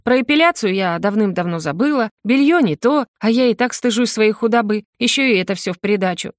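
A woman's voice: medium pitch, animated, brisk, no room sound, studio quality. A woman narrating a first-person story in an intimate, confessional reading voice. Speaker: audiobook narrator.

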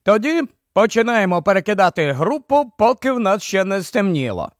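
A brisk, commanding expedition leader, as a man reads him, in a fairly high, dry voice. He gives orders crisply and briskly. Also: sing-song, dry recording. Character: brisk take-charge male expedition leader.

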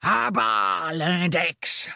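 A man voicing a fiery rebel leader who gives a slow, booming speech in an audiobook. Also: vocal fry, sharp tone, dry recording, clean studio sound, exaggerated voice. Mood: rousing. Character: fiery male rebel leader, small but thundering. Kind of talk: audiobook reading.

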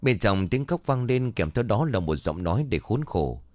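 A man narrating a ghost story in animated storytelling. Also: medium pitch, normal speed, no room sound, clean studio sound.

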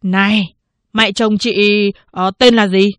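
A woman's voice: fairly even intonation, slow pace, a bit bright, dry recording, clean studio sound. A woman voicing a stammering female corpse-collector in an audiobook. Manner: stammering, low voice.

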